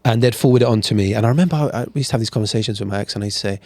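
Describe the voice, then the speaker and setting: A man's voice: fairly low pitch, very fast, darkish tone, dry recording. A man talking candidly as a podcast guest, telling his story in a chatty way with frequent restarts. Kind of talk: casual interview storytelling.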